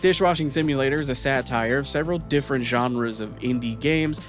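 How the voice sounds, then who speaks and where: A man's voice: mid-range voice, brisk. Man narrating a scripted review over music. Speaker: video host reviewer.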